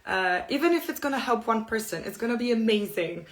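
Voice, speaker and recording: With a slightly high voice and lively intonation, a middle-aged woman from Poland speaks English in her native Polish accent. She delivers a personal self-help talk in an earnest, open manner, using slow and careful phrases.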